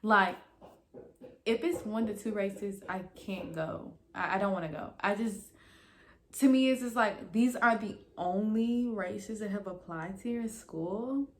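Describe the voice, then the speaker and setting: A woman's voice: mid-range voice, unhurried, slight background noise. A young adult woman hosting a casual, chatty vlog, rambling and emphatic, her speech slightly impeded by a dental retainer. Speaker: YouTube host and esthetician student.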